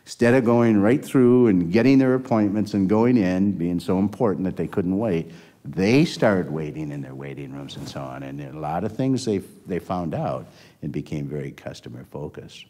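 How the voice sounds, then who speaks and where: A man's voice: sits low, expressive, normal speed, mellow. An older man being interviewed about his career, telling stories at a rambling pace, with many restarts. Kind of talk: oral history interview storytelling. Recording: long hall reverb.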